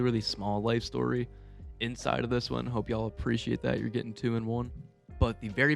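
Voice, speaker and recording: A man's voice: mid-range voice, gravelly. A young man telling stories casually to viewers in a rambling, amused, profanity-laced way with lots of slang. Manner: amused, chuckling at own tales. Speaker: storyteller video creator. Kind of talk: casual storytime monologue.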